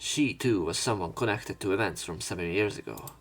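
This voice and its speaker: In a low, slightly rough and a bit bright voice, a man reads visual novel passages a little fast. He drops casual swearing and let's play chatter in between the lines he reads.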